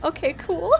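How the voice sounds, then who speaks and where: A woman with a Minnesota accent streams a game and chats while playing, rambling casually and laughing easily. The audio is poor, with a little hiss or hum.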